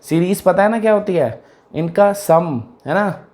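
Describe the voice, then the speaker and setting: A man with a high-pitched, darkish voice and lively intonation teaches a math lesson at a measured pace. His style is casual and conversational, and he keeps repeating questions to check whether students are following.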